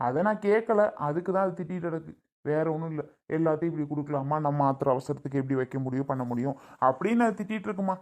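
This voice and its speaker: Woman playing a low-voiced, harried young husband, family skit. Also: fast, darkish tone, natural voice. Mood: placating. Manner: placating, irritated. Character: exasperated young husband and son.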